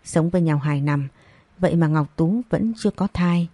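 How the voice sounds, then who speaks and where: A woman reading a scripted audio story as narrator, in a steady storytelling manner. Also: sits low, normal speed, dry recording.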